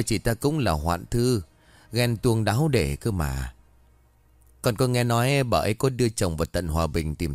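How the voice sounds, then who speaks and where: A man's voice: on the low side, no room sound, close to an everyday voice. A man voicing a gossiping old village woman. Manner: tut-tutting, gossipy.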